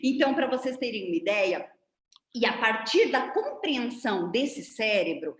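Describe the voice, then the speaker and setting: A woman's voice: on the high side, moderate pace. A woman with a Brazilian Portuguese accent gives a didactic online lecture to a seminar over a video call, explaining things with hand demonstrations. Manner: didactic, animated, demonstrating with her hands. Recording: roomy echo.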